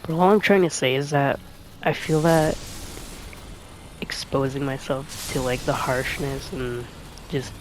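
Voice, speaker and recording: A man's voice: mid-range voice, steady tone, unhurried, long pauses. Young guy rambling while gaming, lots of likes, faint hiss behind him. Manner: hesitant, full of "like" and restarts, soft-spoken. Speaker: gaming streamer. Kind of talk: rambling commentary while playing a game.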